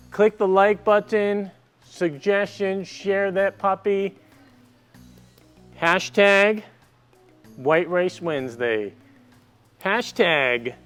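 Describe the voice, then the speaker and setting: Playful man hosting a cooking show. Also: fairly high pitch. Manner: playful, joking, hypes viewers. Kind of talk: casual cooking demonstration.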